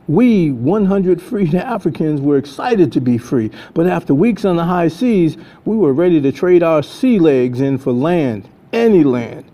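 An older man with a slightly high, mellow voice reads aloud from his own adventure book, storyteller-style, in dramatic scripted narration. The recording sounds dull and lo-fi.

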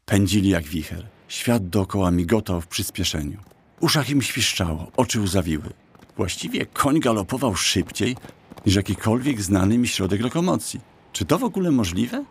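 Low, gravelly male audiobook narrator. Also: lively intonation, moderate pace, a little hiss or hum. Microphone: close studio mic.

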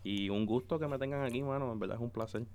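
A photographer and videographer in his twenties, from the Dominican Republic and Puerto Rico, casually tells his story as a podcast guest. He has a Caribbean Spanish accent and a mid-range voice, talks fast, and crowd noise can be heard.

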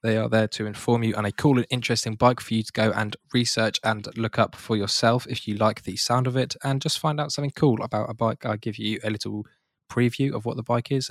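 Steady man presenting on a podcast. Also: medium pitch, quick pace, creaky, no room sound, studio quality. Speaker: podcast co-host. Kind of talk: casual chat.

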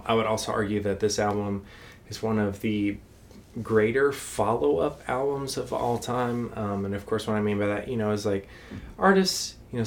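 A man co-hosting a podcast in casual chat, rambling with lots of fillers and restarts. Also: on the low side. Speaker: podcast co-host.

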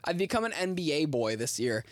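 A young man from Canada co-hosts a casual podcast chat. He tells stories loudly and swears freely, and his pitch jumps up and down all the time. A faint hiss sits under his voice. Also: fairly quick. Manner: animated, swearing, laughing storyteller. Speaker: podcast co-host.

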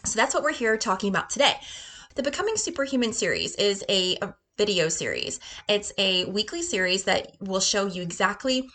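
A woman in her forties hosts her own show as a health and fitness coach, pitching her program in a casual monologue. She sounds bubbly and upbeat and often breaks into laughter. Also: animated, fairly quick, a bit bright. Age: 40s.

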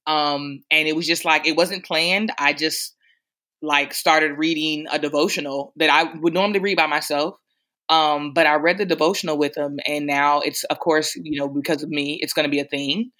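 Woman, podcast host, bright forceful tone, casual teasing chat. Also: deep voice, normal speed. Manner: playful, teasing, animated with laughs.

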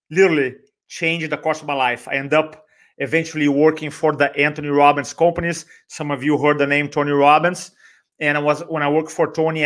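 Speaking with a Brazilian accent, this podcast guest, a speaker and trainer who grew up with Portuguese, tells his story energetically. His voice is a bit bright and slightly high for a man. He doubles words for emphasis and performs little pieces of dialogue.

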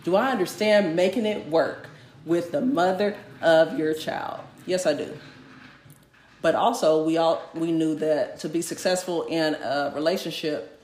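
A woman's voice: low-pitched, measured pace, a little mellow, echoey room, a little hiss or hum. A woman co-hosting a casual chat, speaking emphatically and addressing listeners directly. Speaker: podcast co-host.

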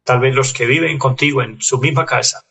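A man preaching an earnest radio sermon in measured, exhorting phrases. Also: medium pitch, vocal fry, sharp tone. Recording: distant from the mic.

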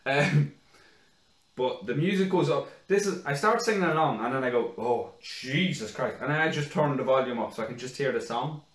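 A man co-hosting a casual podcast, telling animated stories with plenty of swearing and laughter. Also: mid-range voice, brisk. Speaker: podcast co-host. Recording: echoey room.

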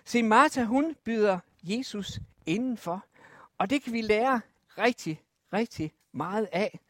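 Preacher, Bible story for children, lively, asks questions, dry sound. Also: medium pitch, no echo.

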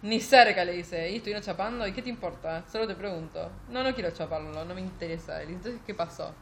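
A young Rioplatense woman with a fairly low voice, chatting casually as she recounts a story and quotes the dialogue. She talks loosely and fills her pauses. Faint noise runs underneath. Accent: Rioplatense Spanish. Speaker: book discussion co-host. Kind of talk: casual chat, retelling a novel's scenes.

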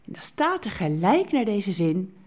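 A woman hosting a devotional podcast, speaking expressively and switching between lively and hushed phrasing, ending with a prayer. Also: medium pitch, unhurried.

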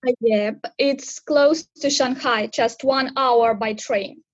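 A woman's voice: on the high side, fairly even intonation, takes it slowly, dry recording, dull audio. A woman in her thirties from Kazakhstan, speaking English as an on a video call, hesitant and searching for words as she answers interview questions. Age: 30s. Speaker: interview guest. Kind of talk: casual interview.

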